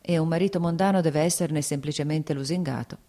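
An agitated, exasperated noblewoman and mother, as a woman reads her aloud. Her voice sits low and mellow, and she scolds and frets with quick emotion. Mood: confiding. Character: Dolly, harried aristocratic mother, exasperated.

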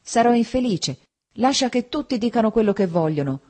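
A woman's voice: on the high side, animated, a little fast, darkish tone, pitched above the performer's own voice. A woman reading a novel aloud, voicing an anxious, tormented young man who pleads earnestly. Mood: pleading. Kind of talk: audiobook character reading.

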